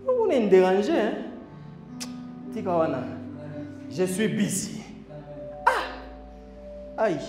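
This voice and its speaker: A man preaches in a high, lively voice that swings from soft asides to shouted lines. He switches languages freely as he goes. The sound is echoey, like a large hall, with faint music behind him. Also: drawn-out words, pauses often. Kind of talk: conference sermon. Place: church hall.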